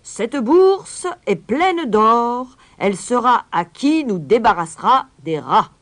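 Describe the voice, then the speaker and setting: Woman doing a loud blustering mayor. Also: lowish voice, very animated, moderate pace, husky. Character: pompous scheming male town mayor. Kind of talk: storybook reading.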